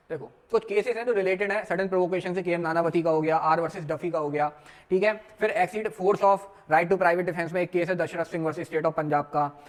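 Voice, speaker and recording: High-voiced man teaching law. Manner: storytelling, mixing Hindi and English, asks students questions. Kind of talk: exam lecture.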